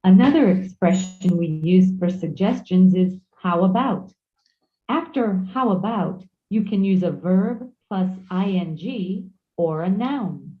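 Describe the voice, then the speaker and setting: A woman reading scripted grammar explanations for a textbook audio track, clear and measured. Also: medium pitch, lively intonation. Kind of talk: scripted instructional narration. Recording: tinny audio played over a call.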